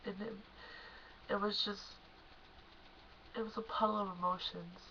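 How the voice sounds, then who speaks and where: A young woman excitedly recapping a concert she went to, gushing and emotional, at times choked up. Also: medium pitch, measured pace, lo-fi sound, a little hiss or hum. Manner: gushing, emotional, lots of "like" and "oh my gosh". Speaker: concert fan vlogger.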